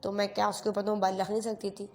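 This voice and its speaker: A woman's voice: medium pitch, monotone, fast, a little mellow. A teenage girl narrating a casual get-ready-with-me vlog, chatty and self-mocking, mixing English phrases into Hindi, recorded on a phone camera at home. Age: teens. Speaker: vlogger. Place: bedroom at home.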